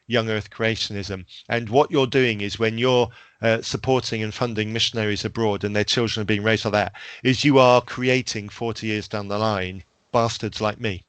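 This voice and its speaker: A man's voice: fairly low pitch, fairly even intonation, normal speed, hardly any pauses, a bit bright, clean tone, no echo. A man who grew up in Zambia, a podcast guest speaking frankly and emphatically in casual discussion.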